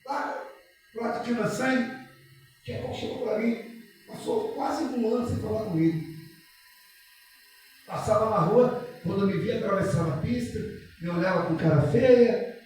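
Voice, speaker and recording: Man, pastor, high voice, sermon, rhetorical questions, repeats himself, echoey church from far off. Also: moderate pace, long pauses, a little mellow, slight background noise. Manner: repetitive, addresses congregation with rhetorical questions. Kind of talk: sermon with retold dialogue. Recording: echoey church recorded from a distance.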